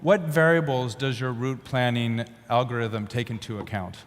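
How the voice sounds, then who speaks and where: A man's voice: mid-range voice, fairly even intonation, moderate pace. Man, panel moderator, playful and teasing, conference hall reverb. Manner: joking, teasing questions.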